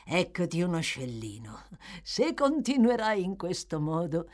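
A woman voicing a sly, coaxing old man who trains young thieves, in a low, soft, drawn-out manner. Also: huge pitch swings, breathy edge, heavily acted. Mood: approving. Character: sly, wheedling old male fence, coaxing.

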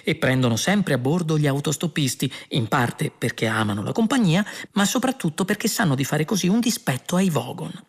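A man narrating an audiobook in a measured, wry manner. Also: fairly high pitch, lively intonation, slightly rough.

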